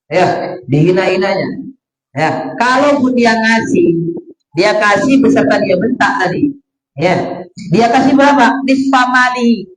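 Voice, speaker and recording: A man teaches a religious study lecture in a fairly high voice. He repeats points patiently, peppering them with "ya" and translating Arabic quotes. The sound is roomy and echoey. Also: animated, a little slow, pauses often, fairly bright tone. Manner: repetitive explaining with frequent "ya" fillers, quoting Arabic then translating. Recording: roomy echo.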